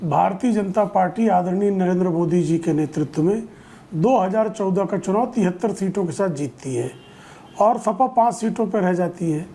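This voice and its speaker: A woman's voice: fairly low pitch, normal speed, dark tone. A woman making her party's case in a TV debate, with rhetorical lists. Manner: listing and rhetorical. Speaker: party spokesperson. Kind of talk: debate argument.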